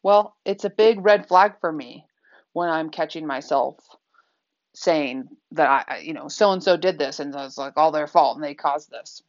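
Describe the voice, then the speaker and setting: A woman's voice: low-pitched, unhurried, muffled recording. A woman speaking candidly in a reflective personal talk, conversational and full of fillers.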